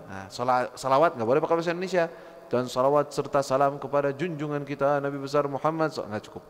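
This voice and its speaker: A man giving a lively religious study lecture, acting out quotes and mumbling preachers. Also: medium pitch, big-room sound. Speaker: religious teacher.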